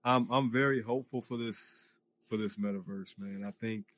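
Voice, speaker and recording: A man's voice: on the low side, fairly even intonation, moderate pace, fairly bright tone. A man from the United States, a podcast guest, chatting casually and emphatically through a VR headset mic in a virtual space. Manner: emphatic, talks loosely with fillers. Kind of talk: casual chat. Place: virtual reality social space.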